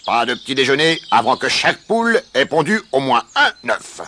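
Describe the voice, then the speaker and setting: A man's voice: mid-range voice, sing-song, moderate pace, pushed and bright, a little hiss or hum, voice pushed up. A man voicing a boastful, bossy big rooster who barks commands in a storybook reading. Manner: barking commands.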